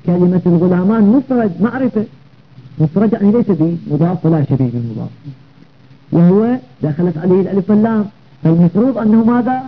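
A man's voice: high voice, expressive, fast talker, narrow, tinny audio. A man teaching a grammar lesson, explaining step by step and checking understanding with rhetorical questions.

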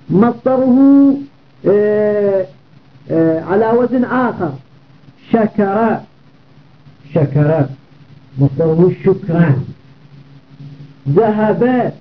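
The recording is tinny and phone-like, with slight background noise, as a man with an extremely high-pitched voice teaches Arabic grammar. He repeats word patterns and questions his class rhetorically.

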